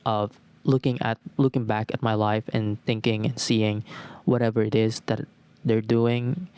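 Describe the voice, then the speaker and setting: Young male podcaster, mid-pitched, thoughtful solo monologue with phrases stacked in lists. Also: a little mellow, clear, resonant tone, dry recording. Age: 20s. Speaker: podcast host. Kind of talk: reflective solo talk.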